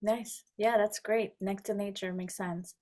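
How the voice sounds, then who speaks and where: A woman's voice: mid-range voice, steady tone, measured pace, darkish tone. A woman hosting a podcast, interviewing in a casual, conversational style.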